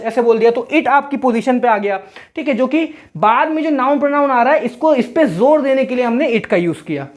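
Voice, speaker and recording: A woman teaching an online English grammar lesson, explaining patiently and repeating herself, and slowing right down whenever she reads out an example sentence. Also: on the high side.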